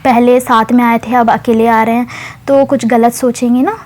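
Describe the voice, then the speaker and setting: A woman voicing a teasing, headstrong young woman who fires back quick, defiant retorts. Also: a little high, flat delivery, a little mellow, close to an everyday voice.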